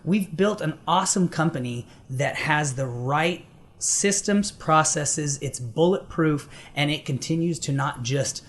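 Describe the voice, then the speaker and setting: A man's voice: a little high, unhurried, fairly bright tone. Upbeat middle-aged male podcast host. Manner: upbeat, affirming, laughs easily. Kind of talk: casual interview talk.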